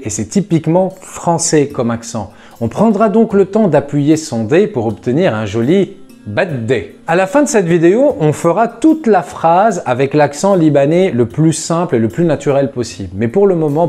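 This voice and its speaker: Guy teaching a language lesson, upbeat and animated, soft music behind. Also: a little high. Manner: explains patiently, slows down to spell out words; lively, enthusiastic, addresses viewers as friends. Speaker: Lebanese Arabic teacher.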